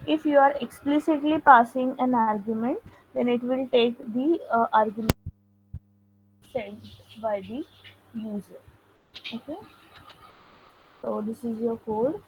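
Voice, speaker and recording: A woman with a fairly high voice delivers a programming lesson over a video call, going step by step and often saying "okay" to fill pauses. The sound is phone-quality with a little hiss or hum.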